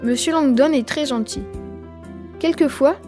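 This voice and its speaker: Woman, storybook reading for learners, fairly high voice, expressive, boy's first-person telling. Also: a little slow, faint music behind. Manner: expressive, as a twelve-year-old boy telling his story. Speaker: reader.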